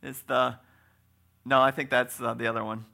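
A man's voice: medium pitch, little pitch movement, moderate pace, vocal fry, bright, forceful tone. A man preaching a conversational sermon in a folksy way, often checking in with the congregation by asking "right?".

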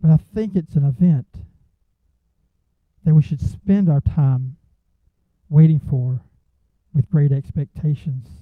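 A man's voice: fairly high pitch, steady tone, slow pace, pauses often, no echo. Male preacher, earnest sermon delivery building to emphatic peaks; dry, close sound. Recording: tinny phone-like sound, dry.

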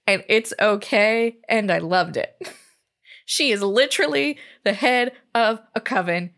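A woman in her thirties with a mid-pitched voice, co-hosting a casual podcast. She talks in a chatty, giggly way and fills her sentences with "like.". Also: unhurried, a bit bright. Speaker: podcast co-host. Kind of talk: casual chat.

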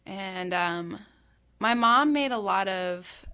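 A woman's voice: mid-range voice, lively intonation, slow, sharp tone. A woman from North Carolina in casual conversation, talking thoughtfully with many fillers and restarts. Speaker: conversation partner. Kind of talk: casual chat.

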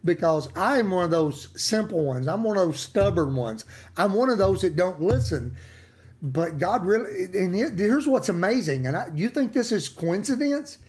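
A man's voice: high voice, expressive, normal speed, a little mellow, slightly rough. A middle-aged man preaching a casual daily devotional in a folksy, emphatic way, with laughs and asides to his listeners. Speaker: pastor giving a daily devotional.

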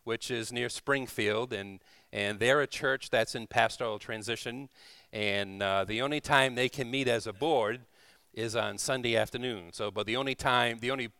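Live in church, a visiting church leader preaches informally and conversationally, reading scripture, praying, and checking in with small tag questions. His mid-range voice, at normal speed, is bright, forceful, clear and resonant, with no echo.

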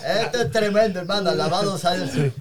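A man's voice: high-pitched, brisk, heavy background noise. A man, an evangelist guest, giving a fervent testimony in a podcast interview and constantly breaking in with short praise phrases.

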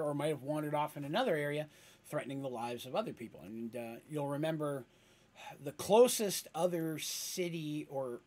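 A man narrating a fantasy tabletop story in a casual, rambling way. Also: medium pitch.

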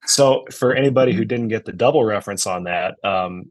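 A man who coaches aerobatic pilots, chatting casually on a podcast and telling lively stories about his team. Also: lowish voice, fairly quick, rough recording. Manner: animated storytelling.

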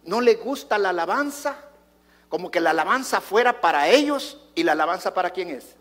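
High-voiced man preaching a sermon. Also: lively intonation, fairly quick, a bit bright. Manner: emphatic preaching with repeated rhetorical questions; addresses the congregation directly. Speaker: pastor.

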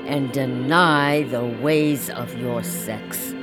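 A woman playing a grand, insistent male archangel warrior, making slow, imperious, righteous proclamations in a dramatic monologue over music. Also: a bass voice, heavily acted.

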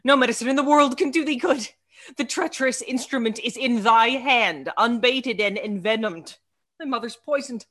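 A woman's voice: on the high side, normal speed, a bit bright. A woman acting a poisoned, repentant young nobleman in a Shakespearean tragedy. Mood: urgent confession.

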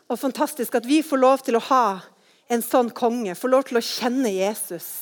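A woman tells a Bible story to children with lively, expressive delivery. Her voice sits high and bright, at times sinking to a soft hush. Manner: lively, animated, shifting to hushed whispers.

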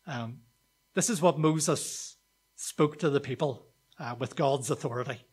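A man preaching a sermon, telling a story to his congregation in an earnest way and slowing down on key words. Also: mid-range voice, husky. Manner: storytelling, slows down for emphasis; earnest, addresses the congregation directly. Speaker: pastor.

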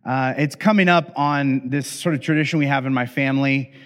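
A middle-aged pastor tells a funny family story during a sermon, speaking casually with lots of fillers and restarts. His mid-range voice moves a little fast, and the recording carries a long hall reverb.

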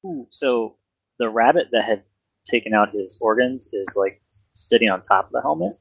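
A man narrating a tabletop fantasy game as game master, conversational and halting as he improvises scenes. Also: mid-range voice, creaky, fairly bright tone, husky, no echo, lo-fi sound.

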